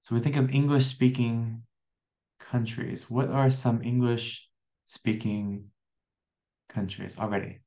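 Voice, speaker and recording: A man's voice: medium pitch, fairly even intonation, slow pace, mellow. An American man in his twenties teaching an online English lesson, talking in a friendly way, repeating words and asking the viewer questions. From USA. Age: 20s.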